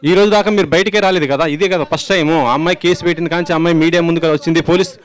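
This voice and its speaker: A man's voice: a little high, steady tone, racing. A male journalist pushing his point heatedly at a press conference. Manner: heated, pushing over interruptions.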